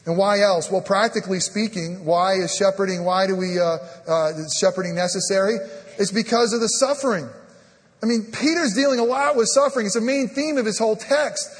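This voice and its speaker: A man preaching a sermon as pastor, animated, swinging between loud emphasis and a soft hush and acting out the scripture dialogue, with many "I mean" fillers. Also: sits high, a little fast, big-room sound. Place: church sanctuary.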